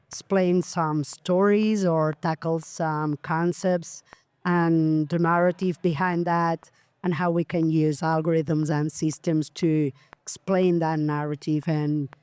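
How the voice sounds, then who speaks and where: A woman's voice: low-pitched, a little mellow, clean tone, no room sound. A woman in her forties, an artist guest in a casual interview, speaking hesitantly and searching for words.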